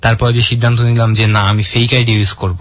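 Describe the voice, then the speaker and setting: A man's voice: medium pitch, level tone, fairly quick, highs cut off. A young man from in Bangladesh, casually telling a long personal story with many fillers and restarts. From Barishal, Bangladesh. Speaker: guest telling his story.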